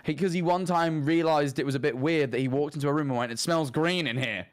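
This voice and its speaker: Male co-host, higher-pitched, casual comedic banter, dry and self-mocking. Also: steady tone, fast, a little mellow. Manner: dry, self-deprecating joking. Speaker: co-host reading listener confessions.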